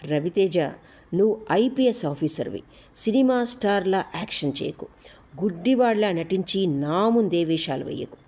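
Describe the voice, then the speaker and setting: A woman's voice: mid-range voice, animated, moderate pace, warm tone, slightly rough. A woman voicing a menacing male gold smuggler who taunts and orders people around. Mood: taunting. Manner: taunting, commanding.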